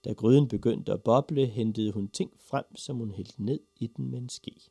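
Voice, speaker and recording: A man reading a children's story aloud with a lively, expressive delivery. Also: mid-range voice, creaky, breathy edge, no room sound. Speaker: narrator.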